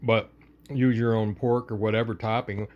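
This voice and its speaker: A man's voice: lowish voice, little pitch movement, dull audio. A man casually showing off a home-cooked snack in a chatty, folksy cooking vlog from his cabin kitchen, filmed on a handheld phone. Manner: folksy, chatty, unhurried show-and-tell.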